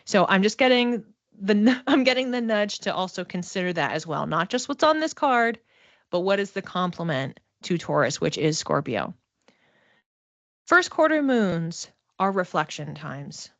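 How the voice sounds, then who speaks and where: This woman, a psychic oracle card reader and mentor, gives an informal spiritual card reading to one listener. She sounds reassuring and conversational, with a very animated mid-range voice at normal speed. There is no echo.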